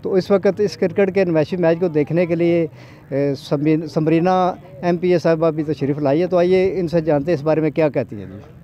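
A man, a field reporter, politely introducing guests into a handheld mic outdoors at a cricket ground. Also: fairly high pitch. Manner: polite, formulaic. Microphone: handheld branded mic. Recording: slightly dull outdoor audio.

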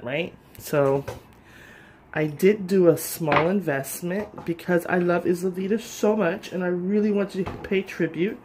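Lowish voiced woman cooking at home, chatty, calling everyone y'all, noisy kitchen. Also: darkish tone. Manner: chatty, upbeat, talks straight to viewers with "y'all". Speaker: cooking show host. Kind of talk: casual home cooking demo.

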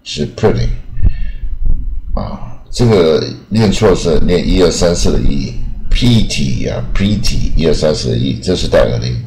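Man, pronunciation teacher, extremely deep voice, repeats words slowly, trailing "ah" fillers. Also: darkish tone, slight background noise, rough recording. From Taiwan. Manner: repeats each word slowly, sentences often trailing with "啊".

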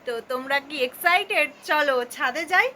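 A young woman hosts her own vlog, talking straight to her viewers in a lively, chatty way. Her voice sits high and sounds bright and forward. She is recorded outdoors on a sunny rooftop. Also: moderate pace, a little hiss or hum. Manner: lively, addresses viewers as friends. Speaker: vlogger.

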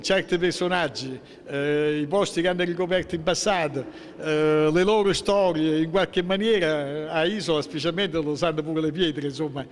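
A local political figure in his sixties gives an unscripted interview in a public building's indoor hallway as a handheld mic is held toward him. He has a southern Lazio accent of central-southern Italian, and his voice is on the high side, with a big-room sound and slight background noise. His delivery is emphatic and aggrieved, halting and restarting through repeated rhetorical questions.

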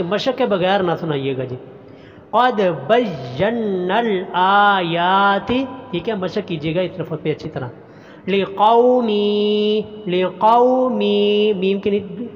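A man teaching Quran pronunciation in an online class, chanting each verse slowly, then explaining the rules briskly. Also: sits high, lively intonation, big-room sound, dull audio.

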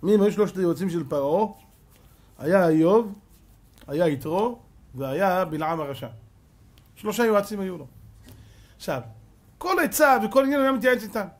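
High-voiced rabbi preaching with dramatic swings. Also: male voice, expressive, pauses often. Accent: Israeli Hebrew. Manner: dramatic swings from hushed to shouting; rhetorical questions to the audience. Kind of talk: sermon.

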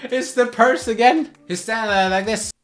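A man's voice: sits high, normal speed, roomy sound, soft background music. A man giving comedic reaction commentary on fashion looks, mocking and exclaiming with rhetorical questions.

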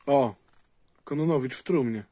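A man's voice: mid-range voice, normal speed, mellow. A man filming and chatting, teasing people with probing questions.

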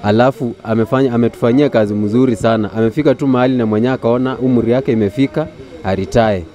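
A man's voice: medium pitch, steady tone, fast talker, warm tone. Blunt Kenyan man in a street interview. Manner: blunt, complaining. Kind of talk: vox pop street interview. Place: outdoors by a brick building. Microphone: handheld furry mic held close.

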